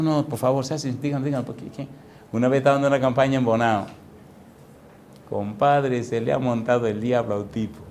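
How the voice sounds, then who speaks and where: A male pastor, telling a story in a sermon with lively, folksy, chuckling asides to the congregation. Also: mid-range voice, a little hiss or hum.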